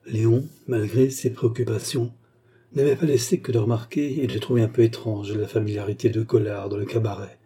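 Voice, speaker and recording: A man reading a classic novel aloud as audiobook narration, in a measured, even delivery. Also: fairly low pitch, breathy edge.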